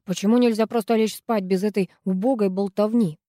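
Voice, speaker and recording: A woman voicing a blunt, sullen teenage girl in an audiobook, speaking curtly and flatly. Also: mid-range voice, a little fast, no room sound, studio quality, natural voice.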